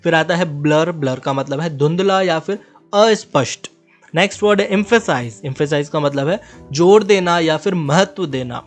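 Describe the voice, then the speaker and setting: A young man teaching English words with Hindi explanations, reading each example slowly twice before explaining it. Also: fairly high pitch, faint music behind.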